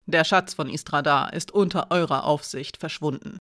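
A narrator voicing a stern, sharp-tongued woman guard. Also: medium pitch, moderate pace, no room sound, clean studio sound, lightly acted. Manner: sharp, hard, threatening.

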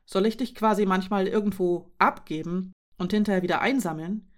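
A woman reading aloud voices a careful young man who speaks calmly and cautiously to his partner. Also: medium pitch, brisk, close to an everyday voice. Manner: calm, cautious, soft-spoken.

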